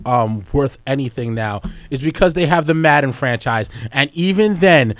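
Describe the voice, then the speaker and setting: A man's voice: mid-range voice, lively intonation, normal speed, a bit bright, dry recording. A man in a casual gaming chat who hesitates and says um a lot as he works out his point. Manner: hesitant, many ums.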